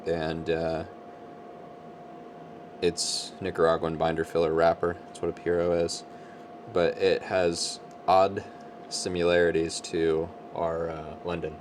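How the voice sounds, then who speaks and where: Deep-voiced man chatting over background noise. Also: a little slow. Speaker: co-host, cigar lounge proprietor. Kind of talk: casual chat. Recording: clearly noisy room with steady hum.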